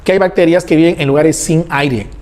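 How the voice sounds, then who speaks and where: Animated high-voiced male lecturer. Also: brisk. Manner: animated, asks questions and answers them himself. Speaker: teacher. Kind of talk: classroom lecture.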